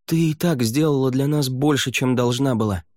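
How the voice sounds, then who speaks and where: A man's voice: mid-range voice, moderate pace, a little mellow, no echo, clean studio sound, voice pushed up, lightly acted. A man voicing an earnest, polite young noblewoman in an audiobook.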